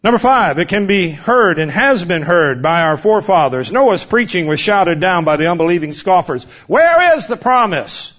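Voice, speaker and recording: A man in his fifties preaching a sermon, swinging from loud exhortation down to a hushed near-whisper. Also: high voice, lively intonation, normal speed, few pauses. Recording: dull lo-fi recording.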